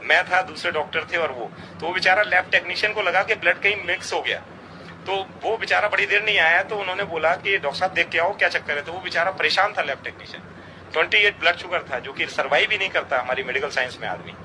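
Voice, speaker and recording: A man's voice: high voice, quick pace, pushed and bright, rough recording. A middle-aged man earnestly recounting a devotional experience, quoting others in dialogue. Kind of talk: storytelling testimony. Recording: outdoor traffic noise behind.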